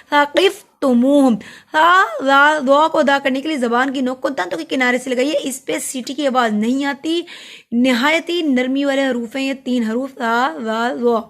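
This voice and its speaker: Woman, high voice, patient tajweed teacher, stretched-out words. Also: fairly bright tone. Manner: explains letter by letter, then drawls the verse words slowly. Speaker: Quran recitation teacher. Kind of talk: tajweed lesson with recitation.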